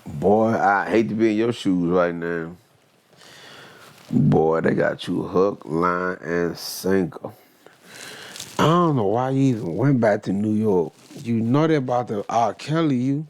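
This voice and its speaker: A man's voice: fairly low pitch, measured pace, darkish tone. A man giving joking, blunt commentary, reacting to a news clip. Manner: joking, blunt, slangy rambling with interjections. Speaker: reaction video host.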